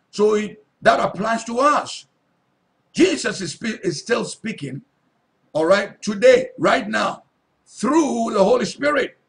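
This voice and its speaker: Here a pastor with a high-pitched, fairly bright voice teaches scripture from the pulpit. After reading each Bible verse, he says it again with emphasis and keeps checking that the congregation is listening.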